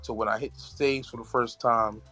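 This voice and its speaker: A man's voice: medium pitch, fairly even intonation, moderate pace, pushed and bright, soft background music. A man being interviewed about his writing, earnest and often searching for words. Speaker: guest, author and poet. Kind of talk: casual interview chat.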